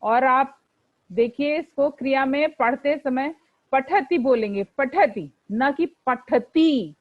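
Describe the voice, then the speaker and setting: A woman's voice: high voice, unhurried, narrow, tinny audio. A woman teacher explaining a textbook lesson to pupils, patiently going over each exercise and reciting word forms for them to repeat.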